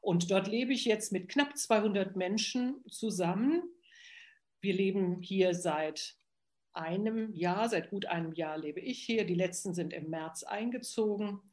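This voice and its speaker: A woman in her seventies from Hesse, telling her own life story in an unhurried way, with pauses and fillers. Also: mid-range voice, darkish tone. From Hesse, Germany. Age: 70s. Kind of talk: personal storytelling.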